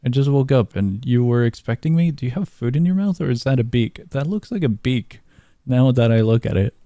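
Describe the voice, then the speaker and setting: A man's voice: mid-range voice, animated, brisk, dark tone, dry recording. A man streaming a game, chatting casually, reading game dialogue aloud and chuckling often. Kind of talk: casual gameplay commentary.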